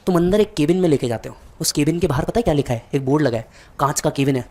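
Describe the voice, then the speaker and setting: A man's voice: on the high side, lively intonation, very fast, warm tone. A man giving a motivational speech, telling a dramatic story straight to the listener. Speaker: motivational speaker.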